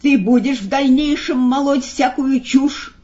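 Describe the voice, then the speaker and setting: A woman's voice: a little high, lively intonation, a little slow, lo-fi sound. A woman voicing a bleating, taunting male jester. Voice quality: bleating goat-like tenor. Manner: taunting, showman-like. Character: mocking lanky male jester with a goat-like tenor.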